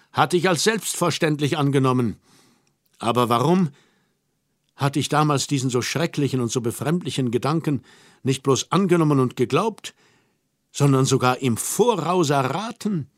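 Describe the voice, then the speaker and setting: A man narrating a literary audiobook in a measured, reflective first-person telling. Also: on the high side, no echo, studio quality.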